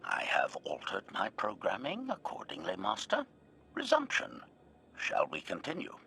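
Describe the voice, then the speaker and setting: Game casting: smooth-filtered robotic bodyguard droid, low and gravelly, bright edge, pitch leaps wildly, formal and clipped. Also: male voice, huge pitch swings, moderate pace, soft background music, heavily acted. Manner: announces each remark with a one-word label, clipped and formal. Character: deadpan male assassin droid, loyal bodyguard. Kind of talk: video game voice acting.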